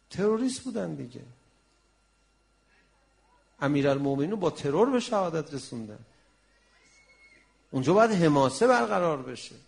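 Gravelly-voiced impassioned male preacher. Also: fairly high pitch. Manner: impassioned, swings from loud to hushed. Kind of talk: religious sermon with storytelling.

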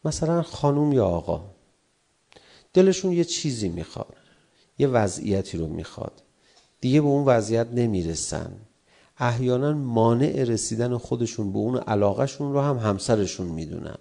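A middle-aged man, a cleric, preaching a sermon on family and anger, animated, jumping high for emphasis and then sinking low. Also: creaky. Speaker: cleric giving a religious talk.

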